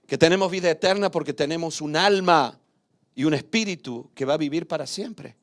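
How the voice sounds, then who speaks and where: A pastor giving a sermon in a conversational, lively way, tossing out rhetorical questions and short tag questions, and moving between raised emphasis and quiet asides. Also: male voice, on the high side, fairly quick.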